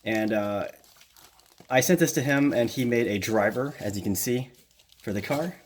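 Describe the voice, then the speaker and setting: A man's voice: medium pitch, moderate pace, a little hiss or hum. A man hosting a casual unboxing vlog, chatty and loose, with lots of fillers, moving around the camera mic as he works. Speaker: vlogger.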